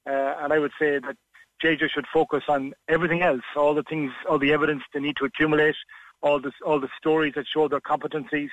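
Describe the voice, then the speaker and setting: A man's voice: on the high side, flat delivery, fast, a bit bright, no echo, highs cut off. A man giving frank, discursive interview advice on a radio call-in, with many fillers and restarts. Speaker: interview coach.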